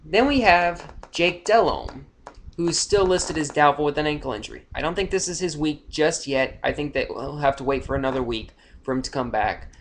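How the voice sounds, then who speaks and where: A man's voice: fairly high pitch, normal speed, slight background noise. A young man giving casual, unscripted fantasy football injury commentary, rambling with frequent fillers and self-corrections.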